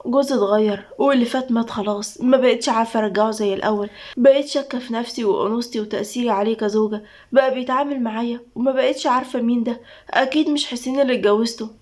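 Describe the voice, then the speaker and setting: A woman's voice: a little high, quick pace, lightly acted. Woman voicing a wry young Egyptian wife. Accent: Egyptian Arabic.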